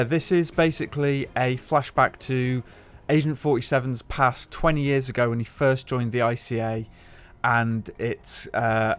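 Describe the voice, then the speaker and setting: A man, co-hosting a casual chat over gameplay footage, relaxed and chatty with casual swearing. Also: mid-range voice. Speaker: games journalist, co-host.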